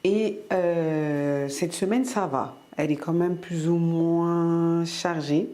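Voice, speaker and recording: A French woman chats casually to camera in her weekly vlog, rambling with many fillers and restarts. Her voice is fairly low, steady and warm, and she takes things slowly.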